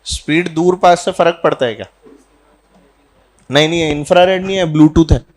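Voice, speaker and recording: A physics teacher talking warmly and jokingly to his students at the end of a course in a classroom, mixing in English phrases. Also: fairly high pitch, normal speed. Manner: chatty and teasing, mixing Hindi with English phrases. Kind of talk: farewell talk to a class.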